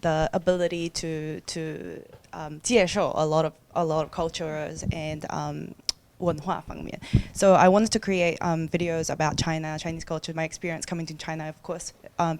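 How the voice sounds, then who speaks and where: A young woman, born in Korea and raised in New Zealand, asks a panel a long, hesitant question full of ums and restarts. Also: low voice. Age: young adult. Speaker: student audience member asking a question.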